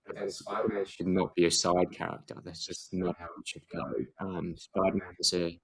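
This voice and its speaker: Co-hosting a podcast dressed up as a jokey awards show, a man with a very deep voice chats loosely and playfully, wandering through his thoughts with lots of fillers. His tone stays level at a normal speed, and the recording quality is low.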